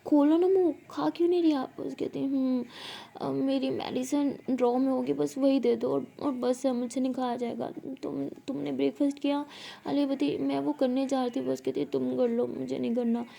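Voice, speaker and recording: A woman's voice: sits high, level tone, normal speed, gravelly, mellow. A young woman casually telling a love story aloud, voicing the characters' dialogue herself with small shifts.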